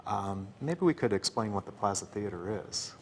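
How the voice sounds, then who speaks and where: A man's voice: on the low side, expressive, normal speed, big-room sound, slight background noise. A man hosting a public-affairs interview, prompting his guest with friendly questions. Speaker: interview host.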